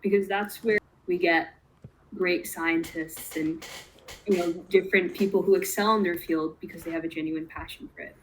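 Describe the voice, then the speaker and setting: Upbeat woman host, lower voice. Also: steady tone, moderate pace, slight background noise, rough recording. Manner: upbeat, enthusiastic. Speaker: interview host. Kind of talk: hosting an online Q&A.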